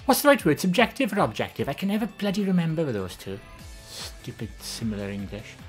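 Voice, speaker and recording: Answering viewer questions on a live stream, a woman from the Valleys of Wales speaks in a sing-song way, a little fast, with faint music behind. Her soft, gentle voice is low and less feminine, and she rambles casually, often saying um and restarting.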